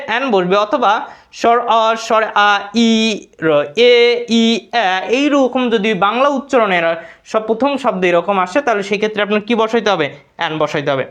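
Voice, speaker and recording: High-voiced Bangladeshi man teaching grammar. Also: a bit bright. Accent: Bangladeshi Bengali. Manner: repeats words, asks and answers his own questions. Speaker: English teacher. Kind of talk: live online grammar lesson.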